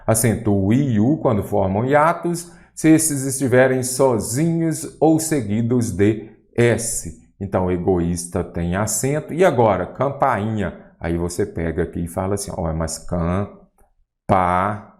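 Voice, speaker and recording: A man's voice: lowish voice, measured pace. A man with a Brazilian Portuguese accent teaching a grammar lesson for exam prep, talking straight to the viewer and asking questions as he goes. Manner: didactic, lively, addresses viewer directly with questions.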